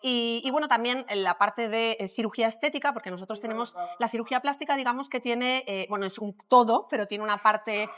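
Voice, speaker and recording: A middle-aged woman from Madrid speaks with a Spanish accent and a fairly high voice. She is a surgeon in a podcast interview, and she thinks out loud with frequent pauses and fillers. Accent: Spanish from Spain. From Madrid, Spain. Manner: thoughtful, many pauses and fillers. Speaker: plastic surgeon guest.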